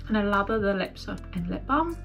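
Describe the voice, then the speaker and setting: A woman's voice: medium pitch, lively intonation, fairly quick, creaky, fairly bright tone, faint music behind. A woman chatting informally and self-deprecatingly to camera as a running vlogger. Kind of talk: casual chat to camera.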